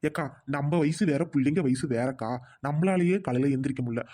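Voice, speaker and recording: A woman plays a bold, defiant village mother in a comedy skit, her voice low. She speaks fast and bluntly. She has a rural Trichy Tamil accent. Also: mellow. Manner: blunt, outspoken, quick-talking.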